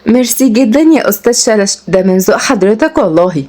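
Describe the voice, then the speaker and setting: Woman plays a shy, flirty Egyptian grandmother, raised and soft. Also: medium pitch, lively intonation, fast, natural voice. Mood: coy. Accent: Egyptian Arabic. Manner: soft, coy.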